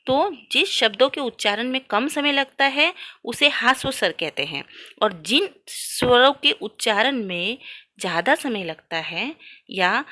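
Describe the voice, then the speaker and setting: A woman's voice: fairly high pitch, bright, forceful tone. A woman teaching a grammar lesson, posing questions to her students and answering them herself, and stretching out sounds to demonstrate them. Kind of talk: classroom-style lesson.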